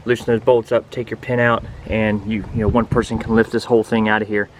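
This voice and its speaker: A man with a fairly low voice talks casually to camera as an RV vlogger. He is informal and plain-spoken, walking viewers through gear step by step. The recording is made outdoors, with clear wind and vehicle noise behind him. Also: little pitch movement, fast, low-quality recording. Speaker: RV vlogger giving a product walkthrough. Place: outdoors beside a pickup truck bed.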